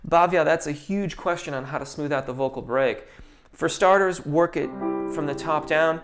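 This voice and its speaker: Music plays in the background as this man, a vocal coach, answers questions from viewers on a laid-back live stream. His pitch is fairly high and his pace moderate, and his talk is full of ums and false starts.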